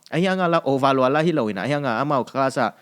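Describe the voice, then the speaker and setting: Speaking fast, this male podcast host has a medium-pitched voice that sounds fairly bright, clear and resonant. In a relaxed interview, he's keen to give advice and mixes English phrases into his talk.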